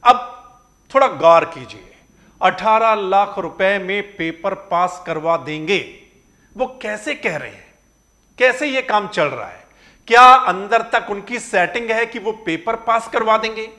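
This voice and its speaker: Guy with a tinge doing a news commentary, high bright voice, keeps firing questions. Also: lively intonation, a little slow. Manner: questioning, emphatic, rhetorical. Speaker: news reporter presenting a report.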